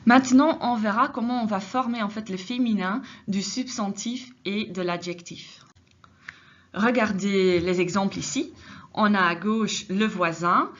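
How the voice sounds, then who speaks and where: A woman teaching a grammar lesson, patient and explanatory, often adding a tag "hein". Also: medium pitch. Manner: patient, many filler "hein"s, switches into Dutch for translations. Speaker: French teacher. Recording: slightly dull lo-fi recording.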